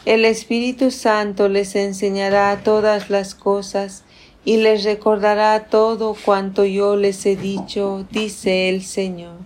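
A woman serving as lector at Mass, reading scripture and psalms aloud in a measured, formal, restrained way. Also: medium pitch, level tone, a little mellow.

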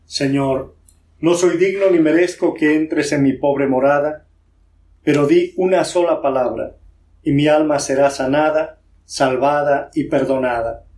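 A man reciting a devotional prayer in a solemn, deliberate manner. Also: on the high side, a little mellow.

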